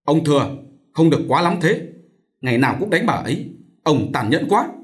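A man's voice: a little high, very animated, moderate pace, pitched above the performer's own voice. A man playing a male neighbor who firmly reproaches a violent husband. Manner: firm, reproachful. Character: stern male neighbor scolding the abuser.

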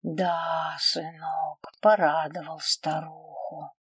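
A woman voicing an old, tired mother who fondly praises her son, speaking slowly with breathy puffs. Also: on the low side, no echo, clean studio sound, close to an everyday voice.

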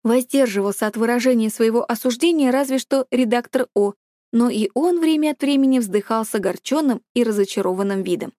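A woman's voice: on the high side, a little fast, dark tone, dry recording. Woman narrating an audiobook, dry and close. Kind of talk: scripted narration.

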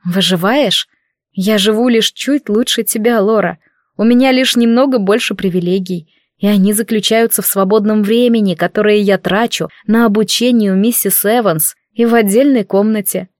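Tina, a woman doing a quiet dignified maid. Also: medium pitch, moderate pace, no room sound, studio quality, lightly acted. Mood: restrained. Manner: quiet, restrained, soft-spoken. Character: calm dignified young maid and healer, quiet.

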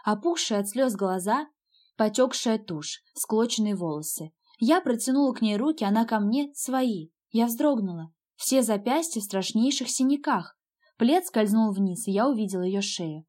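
A woman's voice: fairly high pitch, lively intonation, normal speed, a little mellow. A woman narrating a first-person novel as an audiobook, with an emotional, dramatic delivery.

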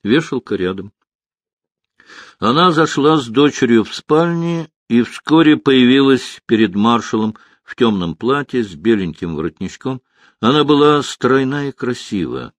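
Expressive male audiobook narrator. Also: medium pitch, moderate pace, dry recording. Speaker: audiobook reader. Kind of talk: scripted narration.

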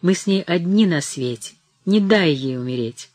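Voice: mid-range voice, animated, moderate pace, a little mellow, dry recording, natural voice. A reader voicing a desperate young sister. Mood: pleading. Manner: pleading, urgent. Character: young woman desperate over her dying sister. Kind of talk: audiobook reading.

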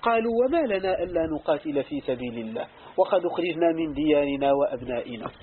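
Man, Moroccan accent, religious teacher, brisk lesson, tinny narrow sound, faint hiss. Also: a little high, animated. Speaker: Islamic scholar teaching Quran commentary.

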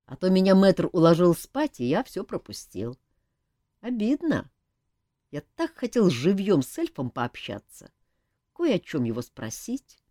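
Curious, playful male king, inquisitive and amused, low voice with wide swings; a woman narrator plays him. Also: sing-song, a little slow, warm tone, dry recording, studio quality. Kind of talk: audiobook reading.

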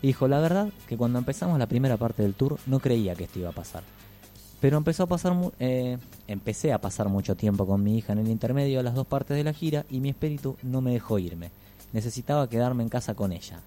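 A man's voice: medium pitch, animated, fast, dark tone, faint music behind. A man with an Argentine accent co-hosting a community radio show, reading rock news with joking, self-mocking banter. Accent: Argentine Spanish. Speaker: radio co-host. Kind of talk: casual radio chat.

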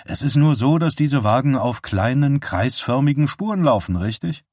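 A man's voice: medium pitch, normal speed, dry recording, clean studio sound, pitched above the performer's own voice, lightly acted. A man doing a teasing young fibber. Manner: teasing, deadpan mock-serious.

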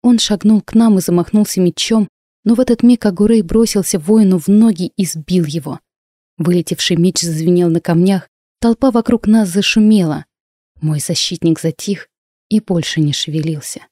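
A woman narrating a first-person fantasy audiobook in a steady, expressive storytelling manner. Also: fairly low pitch, normal speed, no echo, clean studio sound.

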